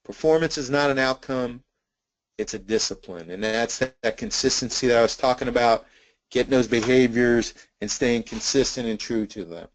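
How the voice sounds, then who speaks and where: A man's voice: medium pitch, normal speed, no room sound, rough recording. Man giving a sales coaching talk. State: intermittent cough. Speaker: sales trainer. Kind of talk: webinar presentation.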